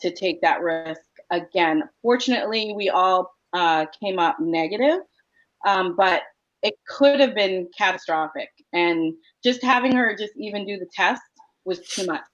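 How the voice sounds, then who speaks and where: Earnest woman panelist on a video call, lowish voice, muffled lo-fi audio. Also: fairly bright tone. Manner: earnest, with frequent "um" pauses. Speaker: parent panelist. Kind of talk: casual discussion. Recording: dull lo-fi sound.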